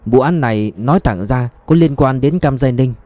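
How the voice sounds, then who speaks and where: A man voicing a blunt, quick-tempered police chief in an audiobook. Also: medium pitch, dark tone, no echo, lightly acted. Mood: firm, questioning. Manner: blunt, angry. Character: blunt, hot-tempered male police chief, middle-aged.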